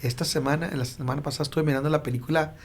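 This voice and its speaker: A man, a pastor hosting a podcast who asks thoughtful, gentle questions. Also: fairly high pitch, fairly even intonation, rapid-fire. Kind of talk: interview.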